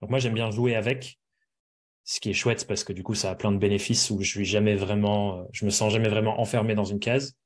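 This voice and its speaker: English-accented man, low voice, thoughtful guest, explains things calmly. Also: brisk. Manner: reflective, explanatory. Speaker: podcast guest. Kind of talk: casual interview conversation.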